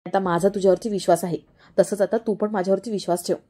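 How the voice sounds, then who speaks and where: A woman narrator puts on a secretive middle-aged aunt in a retold serial. She speaks low and confiding. The voice is warm and soft. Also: steady tone, fast talker, close to an everyday voice.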